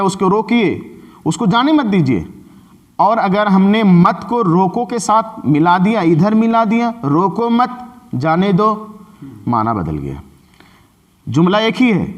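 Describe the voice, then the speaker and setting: A man with an Indian Urdu accent teaching a Quran recitation lesson in a mosque, explaining patiently and slowing down to chant his examples. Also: a little high.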